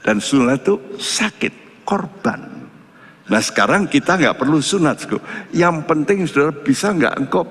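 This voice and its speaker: A male pastor preaching a sermon, firing rhetorical questions and swinging between loud and hushed. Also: fairly high pitch, lively intonation, moderate pace. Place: church. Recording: echoey church hall.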